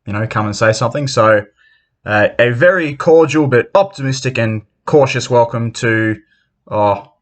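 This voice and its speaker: Man, Australian accent, mid-pitched, blokey tradie manner, sweary casual podcast host. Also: normal speed. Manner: sweary, blokey, matey like an Aussie tradesman. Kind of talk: casual chat with banter.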